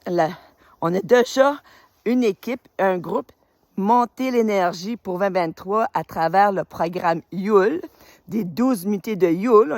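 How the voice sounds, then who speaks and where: Standing outdoors on a road in winter, a retired teacher in her fifties from New Brunswick, Canada, films herself on a phone to welcome followers to her spiritual group. Her mid-range voice carries no echo. She's warm and enthusiastic, wandering casually from point to point with lots of fillers.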